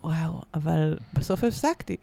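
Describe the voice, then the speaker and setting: A woman's voice: deep voice, expressive, creaky, mellow, dry recording. Woman guest, casual storyteller, chatty and giggly, dry close studio sound. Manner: chatty, laughs often, many fillers. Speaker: podcast guest, musician. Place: podcast studio. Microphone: studio microphone.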